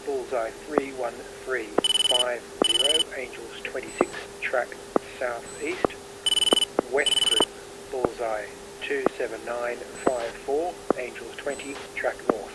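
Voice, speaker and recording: A man acting as air controller in a flight sim, reading out brisk, clipped code-word reports. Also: medium pitch, very noisy. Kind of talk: rapid brevity-code radio reports.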